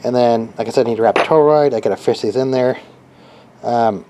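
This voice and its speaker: Working with his hands, a man offers an unscripted, casual how-to as a hobbyist builder, pausing and thinking out loud. His voice is mid-range and mellow, and the audio is poor.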